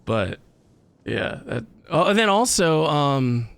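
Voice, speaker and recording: With video game music playing behind him, a man rambles and thinks aloud to viewers while hosting a casual game stream. His slightly high voice is gravelly and fairly bright, very animated but unhurried. There's a little hiss or hum in the recording.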